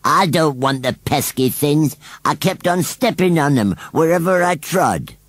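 A sulky, drawling rustic scarecrow. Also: male voice, on the high side, lively intonation, dry recording, pitched above the performer's own voice. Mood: cheeky, sulky. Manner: slow drawl, wheezy chuckling. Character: touchy, sulky old male scarecrow, rustic.

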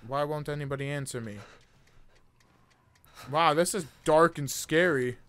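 A man in his twenties streams a horror game in a smooth, fairly high voice. He reacts nervously and covers it with jokes and casual swearing. He talks close to a desktop mic, as live commentary. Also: measured pace, a bit bright. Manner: nervous, jokey reactions to scares; casual, profane. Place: indoor gaming room. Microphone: close desktop microphone.

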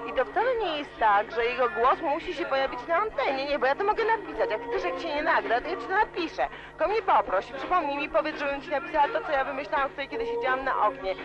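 A woman's voice: high-pitched, expressive, fast talker, few pauses. Young woman rambling on old worn tape. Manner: rambling, emotional, keeps saying "you know". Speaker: student radio interviewee. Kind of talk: candid party interview. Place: student club during a party. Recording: dull lo-fi old cassette tape. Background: loud music.

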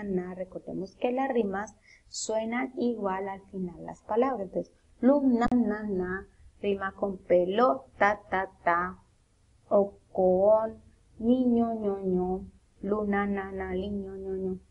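Over lo-fi sound, a medium-pitched woman teaches preschoolers online. She draws out letters and syllables slowly in a sing-song manner for the kids and their mothers at home.

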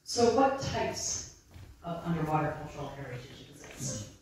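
A woman in her thirties, an archaeologist specializing in maritime sites, speaks to a library audience in a friendly, direct manner while showing slides. Her low, darkish voice swings widely in pitch at a moderate pace. Though she uses a handheld microphone, the echoey room makes her sound distant, with slight background noise.

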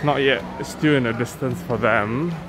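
A man hosting a casual walking tour vlog, chatting as he walks and films on a phone. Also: mid-range voice. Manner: slow, chatty, upbeat guide. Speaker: vlog host. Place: large indoor and outdoor garden complex at night. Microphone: handheld phone camera while walking. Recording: background music mixed in.

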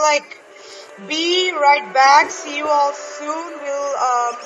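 A young gamer hosting a casual gameplay chat over a muffled voice connection. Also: high-pitched. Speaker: gaming video host.

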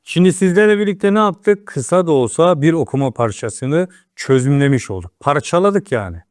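A man's voice: a little high, expressive, moderate pace, darkish tone, no echo, studio quality. A man teaching an Arabic grammar lesson, asking questions and then answering them himself.

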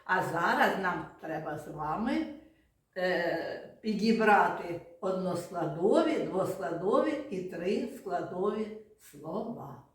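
Female teacher for a children's literacy class, slow and patient delivery, mic at a distance in a very echoey room. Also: fairly low pitch, animated. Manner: slow, drawn-out, coaxing teacher voice with frequent praise. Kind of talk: literacy lesson for small children.

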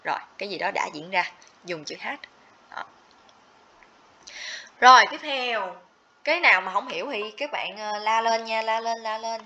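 A woman's voice: on the high side, moderate pace, pauses often, pushed and bright. A woman teaching a livestream grammar lesson, explaining step by step and checking in with students often. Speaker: TOEIC teacher. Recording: slightly dull lo-fi audio.

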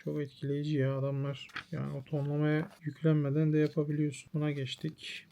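A man's voice: on the high side, mellow, muffled recording. Man musing in short, clipped verdicts. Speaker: manga artist. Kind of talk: thinking aloud while browsing.

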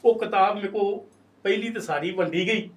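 A man's voice: high-pitched, brisk, recorded from a distance. A man in his sixties, a poet, telling stories in a casual interview and acting out the voices of people he quotes. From Punjab, India. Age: 60s. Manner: storytelling, acts out quoted voices.

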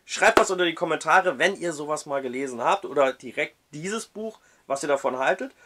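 Man reading a dark novel aloud. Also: fairly high pitch, lively intonation, fairly quick. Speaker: book reviewer.

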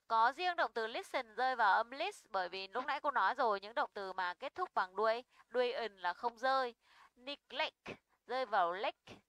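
This young woman teaches English word stress online, and her voice sits on the high side, clear and bright. Patiently, she keeps making sure her students understand. The audio is close-miked and dry, with no reverb.

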